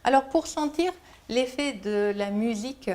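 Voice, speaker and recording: A woman's voice: fairly high pitch, a little slow, darkish tone, slight background noise. A woman giving a conference lecture, explaining patiently and working through everyday examples. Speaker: lecturer at a Montessori school conference.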